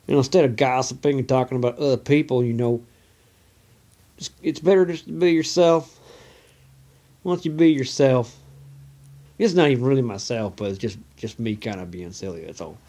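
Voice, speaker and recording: A man's voice: mid-range voice, moderate pace, pauses often, dark tone. A man from Oregon putting on a Southern US redneck drawl, rambling casually to a phone camera and leaning on "you know" constantly. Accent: put-on Southern US redneck drawl. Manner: folksy, leans on "you know" constantly, loose and meandering. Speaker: vlogger.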